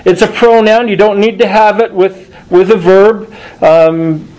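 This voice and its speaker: A man preaching a sermon to a congregation, deliberate and emphatic, often restarting phrases and stressing single words. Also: high voice, steady tone, a little mellow, low-quality recording. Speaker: pastor.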